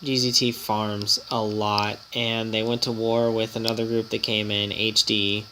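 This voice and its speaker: A gaming channel host and guild leader records a casual mobile game commentary vlog, rambling and chatty and easily startled. A coming cold leaves him slightly congested and nasal, and his fairly low, level voice is unhurried over a faint background hiss.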